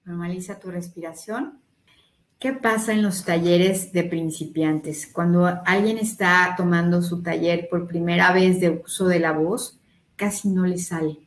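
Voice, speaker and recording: A woman leading a voice workshop, calmly counting breaths and explaining exercises. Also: on the low side, unhurried, roomy sound, a little hiss or hum. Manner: instructive, counting breaths aloud. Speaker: voice coach. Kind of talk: guided voice workshop.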